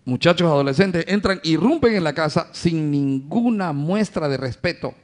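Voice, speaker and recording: Preaching a sermon to his congregation, a male pastor calls them brothers, poses rhetorical questions, and acts out everyday family scenes. He speaks at a moderate pace with a fairly high pitch and lively intonation.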